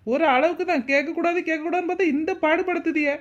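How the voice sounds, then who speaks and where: Woman voicing a bold protective cartoon woman, high voice, firm scolding. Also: steady tone, fast talker, highs cut off. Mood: indignant. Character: bold young village woman standing up for others.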